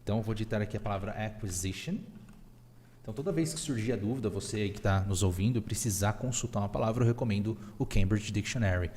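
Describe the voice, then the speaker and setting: A man's voice: fairly low pitch, quick pace, a little mellow, long reverb tail, slight background noise. A man with a Brazilian Portuguese accent hosting a live online English lesson, upbeat and teacherly, mixing English phrases into his explanations. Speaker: English teacher and podcast host.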